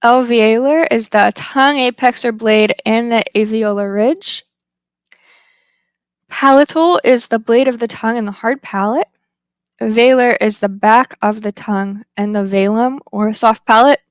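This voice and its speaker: A woman giving a phonetics lecture over slides, deliberately spelling out example words one at a time. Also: on the high side, clear, resonant tone, no room sound. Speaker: phonetics instructor.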